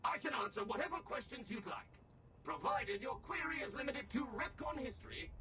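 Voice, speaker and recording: An actor voicing an overly smooth, cheerful male robot tour guide in a video game, with a polished, sales-pitch delivery. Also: animated, brisk, bright, forceful tone, a little hiss or hum, full character voice. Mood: cheery sales pitch. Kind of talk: video game character dialogue.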